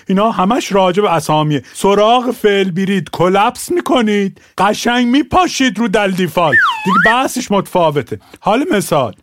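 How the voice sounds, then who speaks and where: A man with a Shirazi accent giving a casual dialect lesson, playful and slowing down to spell out each example. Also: high voice, no room sound, studio quality. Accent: Shirazi Persian. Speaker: dialect teacher. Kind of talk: casual teaching video.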